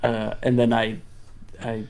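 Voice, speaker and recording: A man's voice: mid-range voice, completely flat delivery, slow, darkish tone. A man playing a tabletop game, joking in a dry, offbeat way. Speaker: player. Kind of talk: casual tabletop play.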